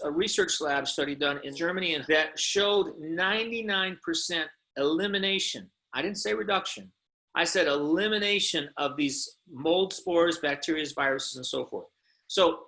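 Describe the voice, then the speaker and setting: The voice is a man's, fairly high in pitch with a sharp tone. He delivers an informal, emphatic and insistent sales presentation as a company presenter pitching products, peppering it with rhetorical questions.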